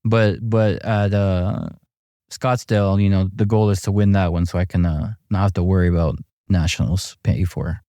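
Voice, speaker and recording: Middle-aged guy rambling through golf stories, low mellow voice, lots of ums, dry close sound. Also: moderate pace, dry recording. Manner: relaxed storytelling with many fillers and restarts. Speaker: amateur golfer guest. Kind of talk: casual chat.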